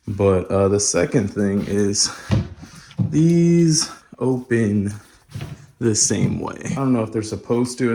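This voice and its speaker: A man's voice: on the low side, warm tone, a little hiss or hum. A man chatting casually in a vlog at his mother's house, assembling furniture and talking to his dog. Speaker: vlogger.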